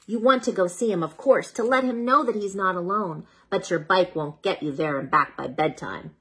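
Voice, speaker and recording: Reading a children's bedtime story aloud, a woman takes her time and speaks expressively, as though to a child. Her voice is slightly husky and fairly low in pitch.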